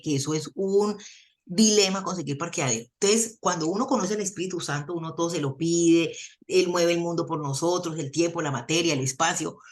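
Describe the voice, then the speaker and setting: Guesting on a radio interview, a Colombian-accented theologian explains her points through animated stories and folksy sayings, speaking at a fairly low pitch.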